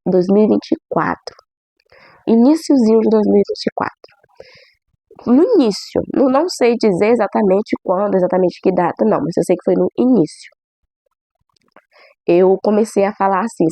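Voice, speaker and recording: Hoarse Brazilian woman, gravelly and dry. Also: mid-range voice, mellow, no echo. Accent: Brazilian Portuguese. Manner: chatty, many "né?" tags. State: hoarse from a cold. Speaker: church member giving testimony. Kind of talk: casual testimony to camera.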